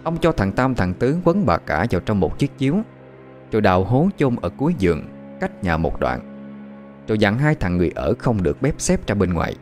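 A man narrating a horror story with a dramatic, animated delivery. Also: on the low side, fairly quick. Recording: faint background music.

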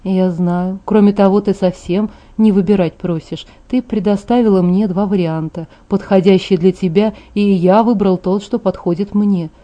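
A woman voicing a calm, gentle young man in an audiobook, speaking softly and slowly. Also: mid-range voice, lo-fi sound, natural voice. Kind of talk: audiobook character reading.

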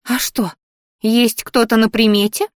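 A woman's voice: on the high side, fairly even intonation, measured pace, dry recording, clean studio sound, voice pushed up, natural voice. A woman voicing a grumpy, haughty female talking flower in a storybook reading, grumbling and huffy.

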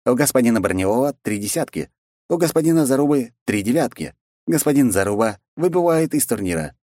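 A man's voice: medium pitch, very animated, a little fast, dark tone, no room sound, clean studio sound, voice pushed up. Male narrator voicing a formal official in a storybook, stiff and correct. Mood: stern formal. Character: stern formal male tournament manager.

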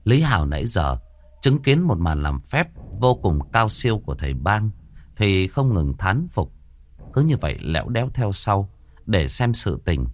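A man's voice: lowish voice, sing-song, a little slow. A man narrating a ghost story in a dramatic, suspenseful way.

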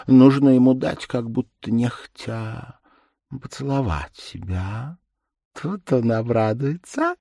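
A man's voice: medium pitch, animated, takes it slowly, gravelly, mellow, no room sound, studio quality, exaggerated voice. A man reading a story aloud and voicing a vain young woman musing to herself, self-satisfied. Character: vain, teasing young village beauty, female.

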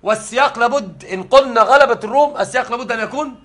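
A man's voice: very high voice, very fast, fairly bright tone. A man teaching a scholarly religious lesson, explaining the text step by step. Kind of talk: scholarly lesson on Quran readings.

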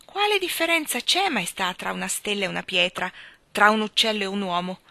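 A woman putting on a bearded old professor who poses riddles in a measured, businesslike way. Her voice is bright and sharp, recorded dry and close. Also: medium pitch, expressive, vocal fry, dry recording. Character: wise bearded old male chief professor.

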